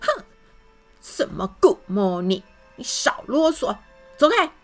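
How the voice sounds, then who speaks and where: Played by a woman, a hot-tempered man from a children's storybook who huffs and shouts at everyone. His voice leaps sharply up and down, and faint music runs underneath. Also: a little high, sing-song, slow pace, pitched above the performer's own voice, full character voice. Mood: angry shouting. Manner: shouting, huffing "hmph".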